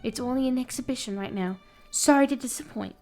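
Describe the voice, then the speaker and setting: A woman's voice: high-pitched, quick pace, darkish tone, faint music behind. A woman voicing a gracious young woman who guards a fashion exhibit in a video game, speaking in a sweet, apologetic, courteous way.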